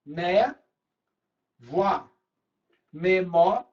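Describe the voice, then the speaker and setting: A male teacher with a Brazilian Portuguese accent stands at a board teaching grammar, stretching out key words slowly and checking in with his students often. His high voice is animated, and the recording has its highs cut off.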